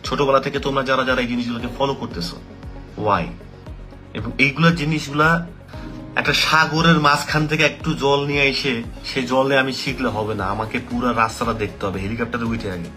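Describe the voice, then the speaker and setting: A man's voice: medium pitch, fairly even intonation, quick pace, pushed and bright, faint music behind. A man who teaches English, speaking casually to camera, full of rhetorical questions and mixing in English phrases. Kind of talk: casual opinion talk to camera.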